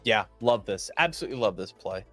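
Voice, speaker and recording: A man's voice: lowish voice, brisk, soft background music. A man co-commentating a card game tournament live, talking casually and eagerly, often restarting his sentences. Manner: casual, eager, stumbles and restarts when excited.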